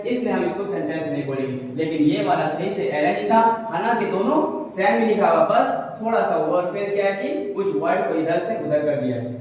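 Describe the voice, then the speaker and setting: A man's voice: high-pitched, a little mellow, a little hiss or hum. A man teaching a basic English lesson, who keeps asking questions and answering them himself. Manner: repetitive, asks and answers his own questions. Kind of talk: classroom lesson explaining grammar. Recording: echoey room heard from a distance.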